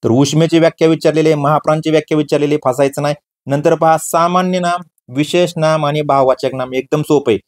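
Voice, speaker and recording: A man's voice: fairly high pitch, steady tone, fast. A man teaching an exam-prep grammar lesson, firing questions at his students and answering them himself, repeating key words.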